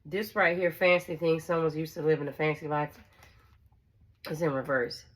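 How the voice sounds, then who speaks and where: A woman with a notably low voice reads tarot in a loose, conversational way. She talks bluntly and swears without hesitation. She circles back over her own phrases and keeps checking in with her listener. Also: fairly even intonation, moderate pace. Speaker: tarot reader. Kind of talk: casual tarot reading to viewers.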